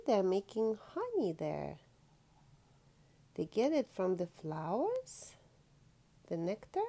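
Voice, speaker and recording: A woman with a medium-pitched, somewhat dark voice hosts a children's storytime. She reads a picture book aloud with expression, stretching out key words and prompting her young listeners the way a teacher would.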